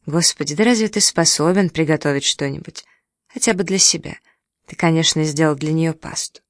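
A reader voicing a sharp-tongued young woman who snorts and teases, in a storybook reading. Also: deep voice, brisk, no echo, studio quality. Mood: teasing. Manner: mocking, teasing.

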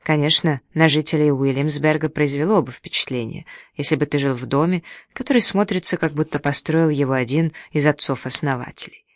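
A reader voicing a sharp-tongued young woman who snorts and teases, in a storybook reading. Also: low voice, fairly quick, dry recording, studio quality, natural voice. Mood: teasing. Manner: mocking, teasing.

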